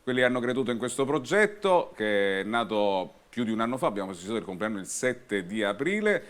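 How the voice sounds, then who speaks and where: A man's voice: on the low side, big pitch swings, fast talker. A man hosting a live show informally, joking and repeating his phrases. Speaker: TV show host. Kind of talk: informal live stage presenting. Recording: music behind the voice.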